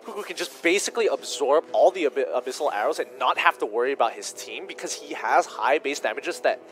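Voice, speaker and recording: A man's voice: medium pitch, animated, fast talker, fairly bright tone, soft background music. A man co-casting a mobile esports match, mixing game analysis with teasing banter. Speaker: esports caster. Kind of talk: casual esports commentary.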